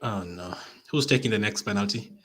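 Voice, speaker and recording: A man's voice: on the low side, a little fast, a bit bright. A man hosting a live football watch-along, anxiously pleading and reacting to a penalty shootout. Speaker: football fan channel host.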